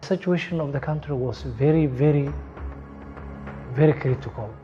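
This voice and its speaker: A man's voice: on the high side, normal speed, warm tone, muffled recording, faint music behind. A man who works at a nursing school speaks earnestly in a documentary interview, stressing his points by repeating them. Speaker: nursing school staff member.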